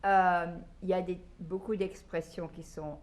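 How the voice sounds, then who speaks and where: A woman's voice: lowish voice, unhurried. Chatty older Belgian woman. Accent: Belgian French. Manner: chatty storyteller, animated, with frequent restarts. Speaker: guest. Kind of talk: casual conversational interview.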